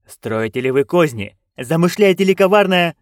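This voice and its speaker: A man's voice: fairly high pitch, lively intonation, no echo, studio quality, voice pushed up, natural voice. A man doing a fretful commanding dwarf director. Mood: drilling. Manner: drills his troupe in slow barked questions. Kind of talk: audiobook narration.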